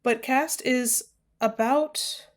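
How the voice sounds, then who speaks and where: Speaking in a high voice that stretches out her words, a woman from the United States hosts a book channel. She addresses viewers informally and without a script, joking at her own expense and drifting off on tangents.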